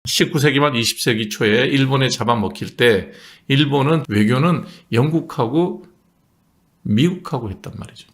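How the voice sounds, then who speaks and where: A man's voice: medium pitch, vocal fry. A man delivering a political commentary monologue, explaining points emphatically and punctuating them with short affirmations.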